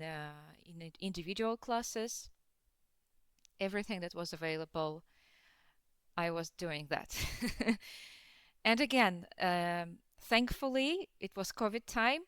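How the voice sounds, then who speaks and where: A young woman from Russia speaking as a podcast guest, pausing often with fillers and laughs between thoughts. Her voice sits a little low and is very clean and clear. The sound is dry and close. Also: a bit bright, dry recording. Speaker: guest, dance teacher. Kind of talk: casual podcast interview.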